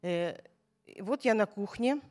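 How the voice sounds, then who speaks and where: A woman's voice: medium pitch, animated, slow, a little mellow. Hesitant woman from Ukraine giving testimony. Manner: hesitant, many filler sounds. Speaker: church member giving a testimony. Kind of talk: halting personal testimony, paused for interpreting.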